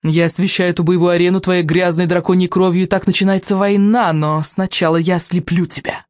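A man's voice: sits high, flat delivery, brisk, darkish tone, no echo, clean studio sound, close to an everyday voice. A man voicing a treacherous one-eyed villain king in an audiobook, with a sugary, gloating, mocking way of speaking. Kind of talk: audiobook character voice.

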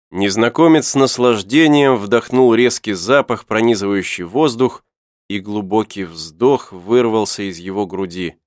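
A man narrating an adventure novel as an audiobook in an even, clear storytelling manner. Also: fairly low pitch, dry recording, studio quality.

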